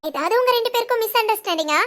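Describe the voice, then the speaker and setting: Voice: very high voice, lively intonation, racing, a bit bright. A performer voicing an earnest young woman friend who keeps coaxing with persistent questions.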